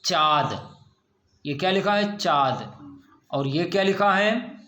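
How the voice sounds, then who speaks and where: A man teaching a school grammar lesson, asking questions and answering them himself with slow, drawn-out words. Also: sits high, a bit bright, reverberant.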